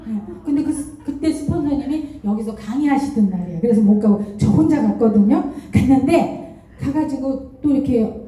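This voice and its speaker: A woman giving a motivational seminar talk as a network marketing distributor, telling stories with lively rhetorical questions. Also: high voice, moderate pace. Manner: animated storytelling with rhetorical questions. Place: lecture hall. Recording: echoey hall from far off.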